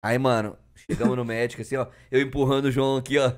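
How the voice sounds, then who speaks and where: A man's voice: medium pitch, flat delivery, fast talker. A young man telling a story in casual chat, acting out quotes and laughing often. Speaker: podcast cast member.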